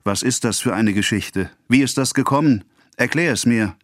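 A man's voice: sits low, level tone, fast, no echo, clean studio sound. A man playing a frantic, devoted husband who presses with urgent questions.

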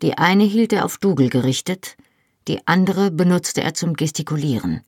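Gravelly-voiced audiobook narrator. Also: female voice, deep voice, expressive, a little mellow, no echo, studio quality. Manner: measured storytelling. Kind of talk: first-person novel narration.

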